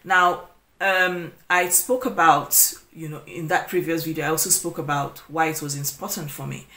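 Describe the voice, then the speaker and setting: A woman's voice: low voice, steady tone, normal speed, bright, forceful tone. A woman in her forties talking casually to camera as a lifestyle vlogger. She rambles, restarts her sentences and fills gaps with "you know". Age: 40s. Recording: echoey room.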